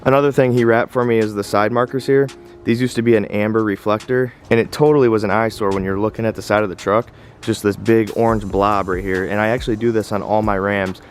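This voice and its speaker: A man in his twenties hosting a casual car vlog outdoors in the snow, a little out of breath from the cold, relaxed and full of fillers. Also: on the low side, quick pace. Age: 20s. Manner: relaxed, filler-heavy, enthusiastic. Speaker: car channel host. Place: outdoors in snow beside a truck.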